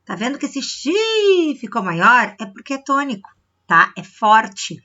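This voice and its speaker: A woman's voice: on the high side, animated, normal speed, sharp tone, highs cut off. A woman teacher from Brazil, giving a recorded review lesson to children, explaining step by step and often checking in with short questions. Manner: stretches words to show the stressed syllable.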